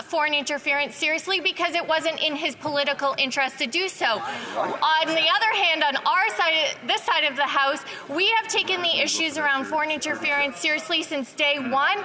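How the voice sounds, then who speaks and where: A Canadian woman giving a formal, combative government reply in parliamentary debate. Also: high-pitched. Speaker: parliamentary secretary answering for government.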